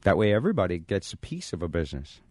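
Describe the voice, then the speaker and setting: A man's voice: deep voice, big pitch swings, fast, a little mellow, dry recording, studio quality. A man hosting a radio show, talking and reading to listeners. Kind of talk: radio talk and live-read ads.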